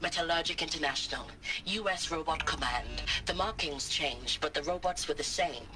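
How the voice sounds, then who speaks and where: An actress playing a haunted scientist and war veteran who speaks in a reflective, quietly intense way in a game. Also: female voice, low voice, moderate pace, rough recording. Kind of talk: game voice acting. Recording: game audio with music behind.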